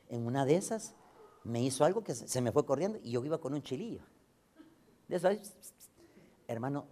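A male pastor preaching a storytelling sermon, swinging from loud exclamations to low asides.

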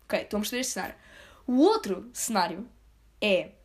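A woman's voice: medium pitch, sing-song, a little fast. A woman with a European Portuguese accent, ranting casually and bluntly to her viewers in a slangy, rambling way with sudden emphatic outbursts. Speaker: vlogger.

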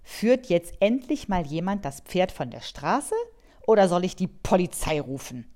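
A woman voicing a cranky, fussy male sports-car driver in a children's storybook, with a shrill, indignant way of talking. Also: big pitch swings, a little slow, dark tone. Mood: disgusted.

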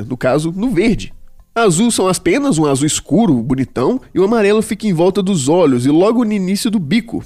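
A man's voice: sits high, a little mellow. A man with a Brazilian accent hosting a casual educational show, chatty and playful with slang. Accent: Brazilian Portuguese. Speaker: podcast host explaining animals.

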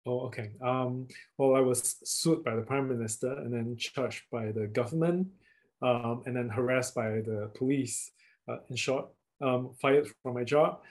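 A man with a Singaporean accent answering interview questions casually, often pausing and rephrasing mid-sentence in a hesitant way. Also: mid-range voice. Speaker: guest, writer and researcher.

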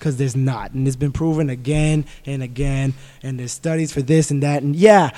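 A man's voice: medium pitch, steady tone, normal speed, warm tone. A man chatting casually on a podcast, easygoing and slangy. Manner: easygoing, laid-back slang.

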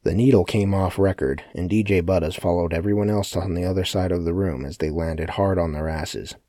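A man narrating a story as an audiobook in a steady, matter-of-fact way. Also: deep voice, fairly quick, no echo, clean studio sound. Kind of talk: scripted narration.

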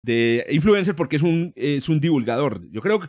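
A man's voice: on the high side, lively intonation, normal speed, a little mellow, no room sound. A man hosting a podcast, chatty and hesitant, with many fillers. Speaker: podcast host. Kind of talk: casual podcast chat.

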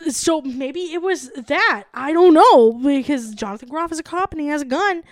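A young woman co-hosting a comedy podcast, excitedly retelling a strange dream with lots of laughing and swearing. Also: high voice, moderate pace, dry recording, clean studio sound. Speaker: podcast co-host. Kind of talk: casual chat, storytelling.

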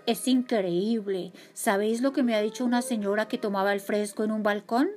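A woman from voicing an offended ghost who complains in a quick, aggrieved way. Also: medium pitch, steady tone, warm tone, soft background music, natural voice. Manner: aggrieved, quick, mimicking others.

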